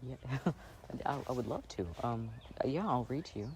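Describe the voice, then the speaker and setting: Sitting on grass outdoors, a man plays a plant-loving boyfriend who is gentle, insecure and affectionate, reading in an intimate ASMR roleplay. He speaks softly and hesitantly at medium pitch with lively intonation, lightly acted and tender in mood. Faint birds and outdoor noise can be heard around him.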